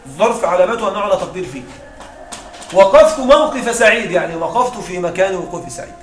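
A man's voice: high voice, lively intonation, very fast. A man teaching Arabic grammar to a class, explaining rules through examples and checking whether students follow. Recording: echoey room with faint noise.

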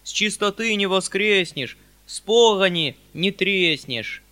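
A man's voice: high voice, expressive, pushed and bright, voice pushed up, full character voice. Man doing wailing humble peasants. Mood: plaintive. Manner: wailing, drawn-out, imploring. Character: crowd of humble pleading male peasants.

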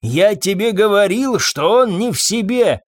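Man putting on a squeaky, hoarse drunken master. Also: huge pitch swings, measured pace, no room sound, heavily acted. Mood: ranting. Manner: shouting, snapping, bullying. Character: drunken irritable middle-aged master of the house.

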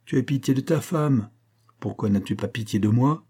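A man's voice: mid-range voice, moderate pace, dark tone, breathy edge. A man voicing a bitter, heartbroken young woman who mocks and reproaches her lover in a raised voice. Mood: angry, anguished. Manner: mocking, reproachful, rising to cries.

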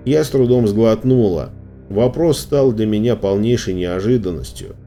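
A man narrating a storybook in a steady, measured reading voice. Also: lowish voice. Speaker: audiobook reader. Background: faint music.

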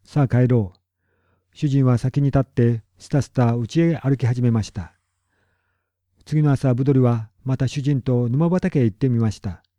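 Dark-voiced man reading a storybook. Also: mid-range voice, no room sound. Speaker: narrator. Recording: dull lo-fi recording.

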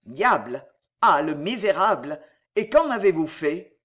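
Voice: medium pitch, big pitch swings, unhurried. Narrator doing a blustering old soldier. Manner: loud, blustering exclamations. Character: old brash male soldier of fortune. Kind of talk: audiobook character reading.

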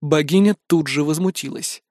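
A man's voice: on the high side, moderate pace, a little mellow, no room sound. Man narrating an audiobook, dry sound. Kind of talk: scripted narration.

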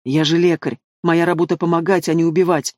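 A man's voice: fairly high pitch, little pitch movement, a little fast, no echo, studio quality, close to an everyday voice. A man reading an audiobook, voicing a frightened male court healer who pleads anxiously. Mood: pleading.

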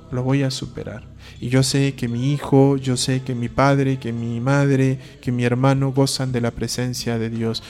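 In a mid-range, somewhat mellow voice, a male priest gives a conversational sermon on faith. Along the way he asks rhetorical questions and performs short exchanges of dialogue.

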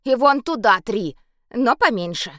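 A woman's voice: fairly high pitch, expressive, measured pace, a bit bright, no room sound, studio quality, pitched above the performer's own voice. A woman voicing a mischievous, giggly werewolf boy in a storybook reading, teasing and eager. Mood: excited.

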